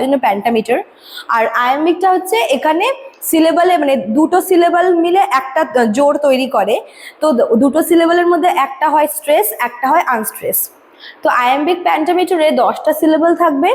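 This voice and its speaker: A young Bengali woman teaching a recorded lecture. She explains at length, checks understanding often, and reads definitions slowly. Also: high voice. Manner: explanatory, asks "ঠিক আছে?" to check understanding. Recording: long reverb, faint noise.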